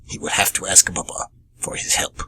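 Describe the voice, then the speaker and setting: This radio theatre performance has a man voicing a little monkey demon hunter, vengeful and obsessed, narrating with grave drama. His delivery is pushed and bright at a normal speed, with slight background noise. The mood throughout is brooding and vengeful.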